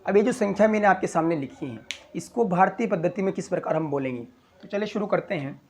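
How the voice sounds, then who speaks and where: A man teaching a school maths lesson, walking through place values slowly, step by step. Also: sits high, lively intonation, a little mellow, slight background noise. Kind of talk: classroom explanation.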